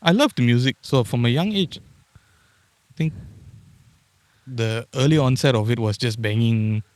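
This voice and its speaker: A man's voice: mid-range voice, unhurried, no room sound. A man in his thirties with a Singaporean English accent, a podcast guest talking casually and joking at his own expense. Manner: laid-back, self-deprecating joker. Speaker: podcast guest, audio engineer. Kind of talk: casual chat.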